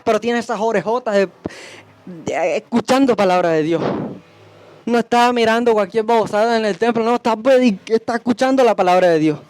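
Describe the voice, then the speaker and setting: Man, young adult, preacher, high pitch, stern, forceful, repetitive commands. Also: fairly quick. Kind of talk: sermon.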